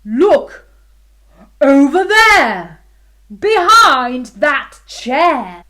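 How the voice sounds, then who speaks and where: A woman's voice: on the high side, big pitch swings, slow pace, heavily acted. A woman voicing a pompous king who bellows his lines in a children's story. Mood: alarmed. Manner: loud, bellowing. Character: booming pompous king, middle-aged man.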